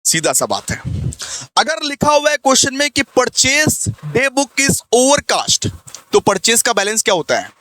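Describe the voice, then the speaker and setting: High bright-voiced male teacher. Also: huge pitch swings, measured pace, no echo. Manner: repetitive, teasing, sing-song call-and-response with himself. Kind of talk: playful accounting lecture.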